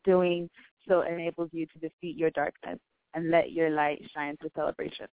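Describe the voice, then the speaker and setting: In this casual interview, the host reads an intro and asks questions at normal speed in a medium-pitched, level voice. There's no echo on the tinny, dry phone line, and the delivery is hesitant, packed with fillers and restarts.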